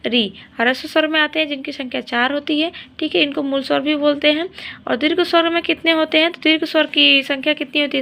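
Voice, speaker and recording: A woman teacher explaining grammar step by step for an exam-prep lesson, often pausing to check in with her listeners. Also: sits high, creaky, a bit bright.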